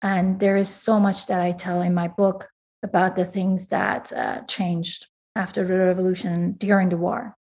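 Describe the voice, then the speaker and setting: A woman's voice: lowish voice, little pitch movement, normal speed, vocal fry, a little mellow. Earnest woman guest from Iran. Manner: earnest, candid, self-correcting. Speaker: author guest. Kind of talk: interview conversation.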